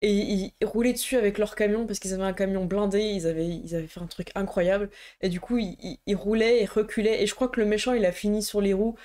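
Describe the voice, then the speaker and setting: Woman host, relaxed chat to camera, warm mellow voice, talks in fits and starts. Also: medium pitch, quick pace. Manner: hesitant, many fillers and restarts. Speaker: tabletop roleplaying game YouTuber. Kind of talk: casual show-and-tell chat.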